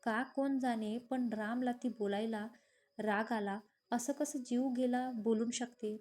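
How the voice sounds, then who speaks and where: A woman narrating a romance story with a steady, expressive reading. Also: a little high, takes it slowly.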